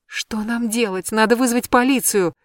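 A woman's voice: medium pitch, normal speed, no echo, lightly acted. Woman doing a shaken young heroine, stammering, agitated, audiobook, dry voice. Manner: stammering, agitated, shouting and whispering. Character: frightened young heroine who found a murder victim.

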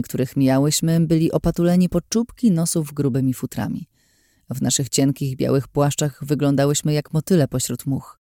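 A woman reads a first-person fantasy story aloud. Her tone is mellow and soft, and the recording is dry and close. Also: deep voice, dry recording. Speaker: audiobook narrator. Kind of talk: audiobook narration of a fantasy novel.

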